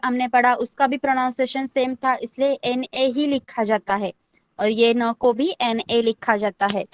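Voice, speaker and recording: A woman's voice: sits high, no room sound. A woman teaching an online language class, patiently repeating each letter and checking that everyone understands.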